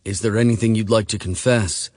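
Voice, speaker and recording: A man's voice: on the low side, steady tone, brisk, darkish tone, dry recording, close to an everyday voice. Man playing a genteel, menacing Southern interrogator. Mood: probing. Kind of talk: audiobook reading.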